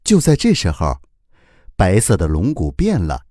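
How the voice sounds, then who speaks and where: A man narrating a children's story in an animated, storytelling manner into a close studio mic. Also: low voice, no room sound. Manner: animated, warm storytelling, many drawn-out particles.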